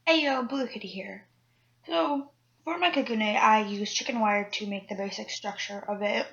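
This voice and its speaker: A woman's voice: mid-range voice, moderate pace, creaky, a bit bright, highs cut off. A woman cosplay vlogger talking through a costume build in a chatty, rambling way, mocking herself and swearing casually. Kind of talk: casual chat and voiceover tutorial.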